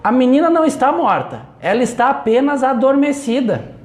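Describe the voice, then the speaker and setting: A man voicing Jesus as a calm adult man, mildly questioning the mourners in a raised, reassuring voice. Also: very high-pitched, fairly quick, voice pushed up. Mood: gently puzzled. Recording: roomy echo.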